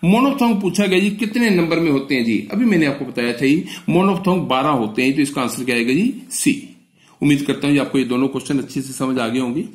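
A man's voice: mid-range voice, quick pace, reverberant. A male teacher in an exam-prep lesson. He asks questions and answers them himself, and he keeps addressing the students with a polite "ji". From northern India.

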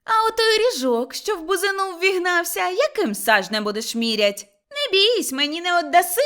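A woman voicing a combative young village wife who shouts and scolds in a high, loud voice. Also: sing-song, normal speed. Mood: shrill scolding.

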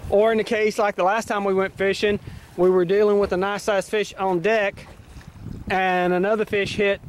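A man giving a relaxed, casual fishing how-to while out on a pontoon boat, filled with uhs. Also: high voice. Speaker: fishing vlogger. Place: pontoon boat on a windy lake, outdoors. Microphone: handheld camera mic. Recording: heavy wind and boat noise on mic.

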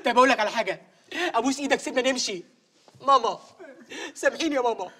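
Brief: a pleading Egyptian guest, rushed and high-pitched. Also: male voice, sharp tone, full character voice. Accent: Egyptian Arabic. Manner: pleading, protesting, flustered. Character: stuffed male guest Ashraf, trying to leave. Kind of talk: comedy sketch acting.

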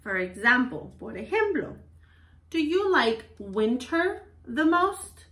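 Slow-talking bilingual teacher woman. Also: high voice, very animated, a bit bright, reverberant, recorded from a distance. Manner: slow, sing-song repetition of words for children. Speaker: children's teacher. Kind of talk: bilingual lesson for kids.

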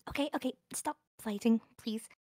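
High-voiced, hesitant woman. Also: normal speed, a little mellow, breathy edge, no echo, studio quality. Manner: hesitant, placating. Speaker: player in a game roleplay.

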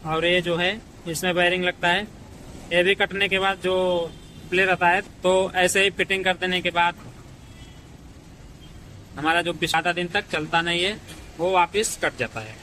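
Bright-voiced young mechanic explaining parts. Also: male voice, high voice, fairly even intonation, moderate pace, pauses often, slight background noise, low-quality recording. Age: young adult. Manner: explains step by step, often saying "guys" and "jaise ki". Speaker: motorcycle mechanic. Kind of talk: casual how-to vlog. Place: outdoors in front of a street-side shop.

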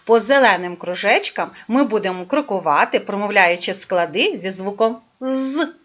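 Sing-song speech therapist woman, lively. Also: mid-range voice. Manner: sing-song, slow and drawn out for children. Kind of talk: online lesson for young children. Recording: dull lo-fi recording.

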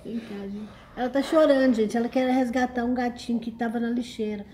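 A woman's voice: on the high side, fairly even intonation, a little fast, background noise. A woman with a Brazilian accent hosting a casual livestream, greeting viewers and teasing them in a chatty, exclamatory way. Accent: Brazilian Portuguese. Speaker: livestream host. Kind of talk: casual live chat, reading comments.

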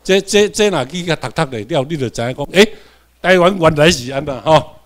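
A man's voice: a little high, lively intonation, a little fast. A man from Tainan, Taiwan, with a Taiwanese accent, giving a classroom lecture. He repeats key points and keeps checking in with his students.

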